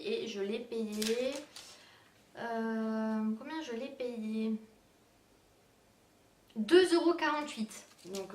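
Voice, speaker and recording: Young woman, fairly high voice, many fillers, echoey room, distant mic. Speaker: beauty and decor vlogger. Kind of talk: casual haul video. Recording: roomy echo, distant mic.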